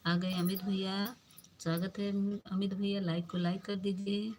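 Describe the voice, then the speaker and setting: A woman's voice: medium pitch, little pitch movement, measured pace, a little mellow, slight background noise. A woman hosting a casual phone live stream, greeting viewers by name and teasingly scolding them. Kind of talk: casual live-stream chat reading comments.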